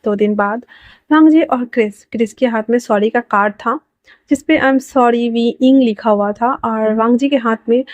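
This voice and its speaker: A woman's voice: a little high, normal speed, a little mellow, no echo, dull audio. A woman casually narrating a fan fiction story in a chatty, informal way.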